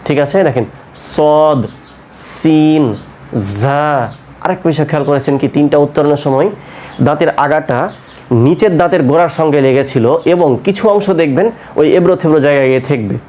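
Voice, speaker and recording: A man teaching a lesson on pronouncing Arabic letters, saying the sounds slowly and repeating them, often checking with "right?". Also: on the high side, a little mellow. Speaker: Quran teacher. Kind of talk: step-by-step pronunciation lesson.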